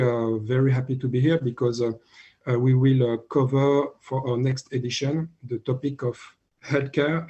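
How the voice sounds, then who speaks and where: A man's voice: medium pitch, warm tone, lo-fi sound. A man from France with a French accent, introducing himself on an online panel, hesitant and full of filler sounds. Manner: halting, many filler sounds. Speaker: startup event founder.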